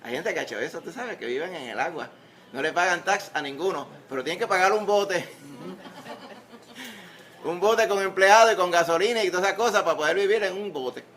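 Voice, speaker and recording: His voice sits high and sounds fairly bright, brisk and lively in intonation, over slight background noise. The speaker is a pastor with a Puerto Rican accent, delivering a conversational sermon in a church sanctuary laced with humor and rhetorical questions.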